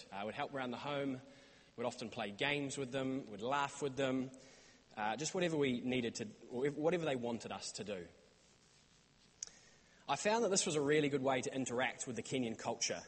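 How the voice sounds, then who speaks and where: A young man with a New Zealand accent gives an earnest church talk about his mission stay, often pausing with "um" and "uh". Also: medium pitch, fairly bright tone. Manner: earnest, many "um" and "uh" fillers. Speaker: church intern giving a report. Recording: reverberant hall sound.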